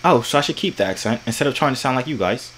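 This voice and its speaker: A young man chats casually on a video call in a small bedroom, pulling a prank by faking a British accent over his American one. He talks rapid-fire with lively intonation, playful and jokey, breaking into loud, high exclamations. There's slight background noise.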